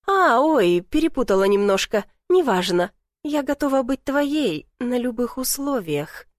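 A sugary, coaxing young blonde temptress, as a woman reader puts her on, her voice pitched up high and bright. She coos sweetly and turns shrill in an audiobook scene, recorded close and dry with no room sound. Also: big pitch swings, a little slow, no room sound. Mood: cooing. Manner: sugary coaxing, shrieks when scared. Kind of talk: audiobook character voice.

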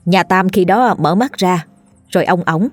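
A woman narrates a comic ghost story with lively storytelling flair. Her voice sits slightly low and sounds close and dry. Soft music plays underneath. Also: unhurried, no echo. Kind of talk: dramatic storytelling.

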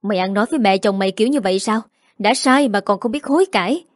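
A woman voicing a hot-tempered older mother-in-law, scolding shrilly and fast. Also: a little high, expressive, darkish tone, dry recording, studio quality, lightly acted. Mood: furious.

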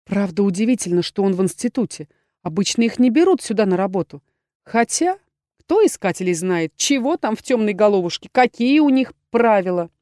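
A woman's voice: medium pitch, expressive, fairly quick, dark tone, no room sound, studio quality, natural voice. A woman voicing a young female necromancer student who complains dramatically and theatrically. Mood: doubtful. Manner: exasperated, theatrical lamenting. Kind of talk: audiobook character voice.

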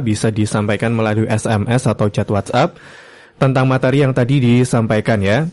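A man hosting a live religious lesson on the radio, speaking politely and in a measured way straight to listeners. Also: mid-range voice, darkish tone. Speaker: radio host.

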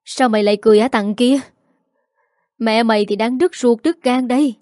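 A woman's voice: on the high side, steady tone, normal speed, a little mellow, dry recording, studio quality, close to an everyday voice. A woman voicing a grieving, harsh grandmother in her eighties who wails and scolds. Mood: grieving, scolding. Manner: wailing, scolding.

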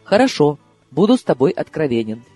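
A man doing a gruff, bewildered middle-aged colonel in an audiobook. The voice stays mellow and a little husky, lively in pitch, with questions that come out baffled and blunt. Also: fairly quick, faint music behind.

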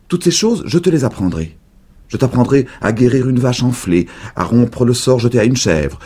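A man voicing a lonely, scheming old woman witch in a storybook reading, pitched high and coaxing. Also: animated, normal speed, mellow, breathy edge. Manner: shrill, pleading, coaxing.

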